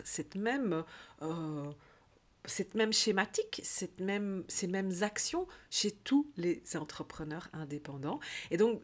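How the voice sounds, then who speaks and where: A woman with a Belgian French accent, a coach talking in a rambling, chatty video diary full of fillers. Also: medium pitch.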